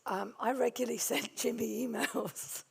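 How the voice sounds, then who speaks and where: A middle-aged woman gives a conference presentation on hospital infection control, her voice hoarse, gravelly and strained from a vocal cord nodule. She's friendly and self-deprecating, with many hesitant ums, speaking at normal speed in a steady, slightly high voice.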